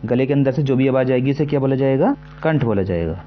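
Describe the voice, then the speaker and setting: A man teaching an exam-prep lesson, repeating himself often and slowly sounding out syllables to demonstrate them. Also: medium pitch, expressive, lo-fi sound, faint music behind. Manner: repetitive, keeps asking "है ना" and "ठीक है".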